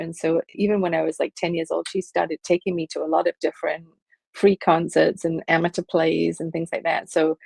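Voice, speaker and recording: A middle-aged woman with a Liverpool accent speaks as a guest professor in an interview. Her voice is heavily gravelly and a little husky, a touch low for a woman. She thinks aloud, with many pauses and ums, in a dry, close recording. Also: a little mellow, no echo. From England. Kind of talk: conversational interview.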